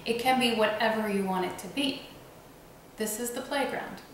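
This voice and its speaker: A woman slowly and soothingly guiding a breathing and visualization meditation. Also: a little high, slight background noise. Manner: slow, soothing, gently instructive. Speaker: meditation guide. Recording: very echoey room, faint ambience.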